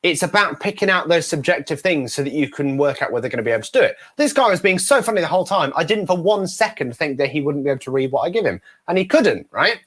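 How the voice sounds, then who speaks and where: A man talks as an interview guest, bringing his stories to life with energy and frequent laughter. His voice is bright and forward and sits a little high for a man. His pitch leaps around as he tells the story. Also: quick pace, hardly any pauses. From United Kingdom. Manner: animated, acts out the people in his stories; laughs often while telling. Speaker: guest ventriloquist.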